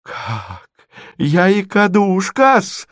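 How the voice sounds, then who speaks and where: A man's voice: high voice, wildly swooping pitch, drawn-out words, no room sound, studio quality, voice pushed up, full character voice. A man voicing a quarrelsome provincial lady who squabbles shrilly and indignantly.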